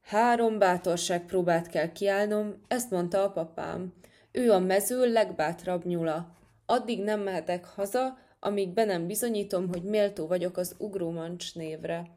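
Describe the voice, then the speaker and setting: A cocky young hare from a children's storybook, puffing himself up and bragging about his brave deeds, as a woman reads him. The voice sits a little low and comes across proud and showy. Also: mellow, lightly acted. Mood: boastful. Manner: proud, showing off. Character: boastful young male field hare.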